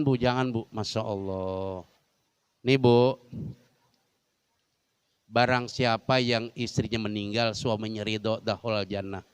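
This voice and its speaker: A man's voice: medium pitch, a bit bright, smooth, no room sound. Guy preaching at a mosque, cracking jokes, keeps asking the ladies stuff, dry close sound. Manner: joking, keeps quizzing the women listeners. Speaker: religious teacher. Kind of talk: humorous Islamic study lesson. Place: large mosque.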